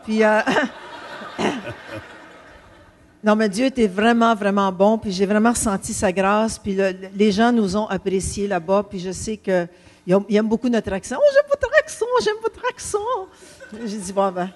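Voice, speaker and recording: A woman's voice: mid-range voice, steady tone, a little slow, a little mellow. A woman giving a chatty, self-deprecating church testimony. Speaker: pastor's wife, guest speaker.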